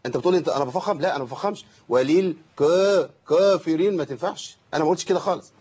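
A man's voice: on the high side, rapid-fire, darkish tone, breathy edge, dull audio. A man with an Egyptian Arabic accent teaching Quran recitation on a live call-in lesson, chatty and joking as he corrects mistakes.

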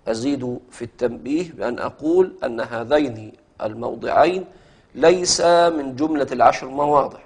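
Male teacher, mid-pitched, explains patiently, chants verse slowly. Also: a little mellow, husky. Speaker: Quran recitation teacher. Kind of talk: lecture explaining a classical poem.

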